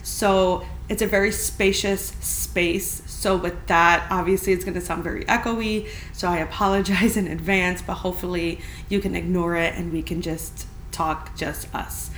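A young adult woman hosts a casual podcast, talking to listeners in a chatty, candid way. Her voice rings around a big, empty apartment, giving it a roomy echo. A faint hiss sits underneath, and her pitch is mid-range for a woman. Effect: big echoey room sound. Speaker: podcast host. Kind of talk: casual solo podcast chat. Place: spacious, empty apartment indoors. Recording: echoey room with faint background hiss.

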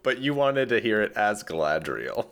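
A man with a very low voice co-hosting a podcast, trading deadpan jokes. His low pitch still moves around lively as he talks. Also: moderate pace, vocal fry. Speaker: podcast co-host. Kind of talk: casual chat.

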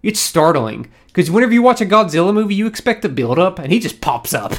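A man's voice: high-pitched, very animated, fast. A young man co-hosting a podcast in casual chat, rambling with many restarts. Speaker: podcast co-host.

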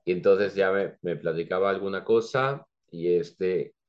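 A man's voice: low voice, unhurried, dull audio. A man with a Mexican Spanish accent, a host father of an exchange student, telling anecdotes in a casual chat and acting out little scenes as he goes. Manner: animated, acts out little scenes. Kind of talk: casual podcast storytelling.

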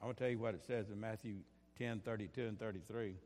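A man preaching a sermon as pastor, impassioned, swinging between bursts of fervor and quieter asides, often repeating his phrases. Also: on the low side, steady tone, quick pace, in a large hall. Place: church sanctuary.

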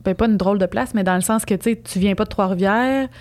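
A woman's voice: mid-range voice, fast talker, darkish tone. A woman with a Quebec French accent hosting an interview podcast and asking informal, friendly questions. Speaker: podcast host.

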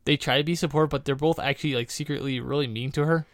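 A man's voice: fairly high pitch, steady tone, quick pace, dry recording, clean studio sound. A man co-hosting a podcast in casual chat, ranting animatedly with many restarts. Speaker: podcast co-host.

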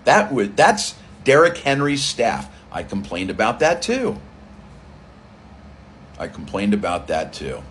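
A man's voice: on the low side, wildly swooping pitch, slow pace, a bit bright, slight background noise. Rambling male DJ telling a story. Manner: rambling, repeats phrases, acts out quoted dialogue. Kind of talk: casual storytelling monologue.

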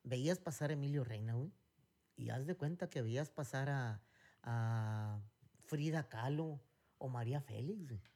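A middle-aged podcast co-host with a Mexican accent and a mellow, medium-pitched voice rambles through stories in a casual chat at normal speed, with many fillers and restarts.

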